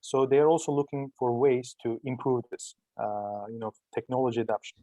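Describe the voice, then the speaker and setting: A man's voice: medium pitch, normal speed, dark tone, no echo, rough recording. A man with a Turkish accent, a native Turkish speaker, giving conversational, explanatory interview answers and often rephrasing himself. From Turkey. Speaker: startup entrepreneur being interviewed.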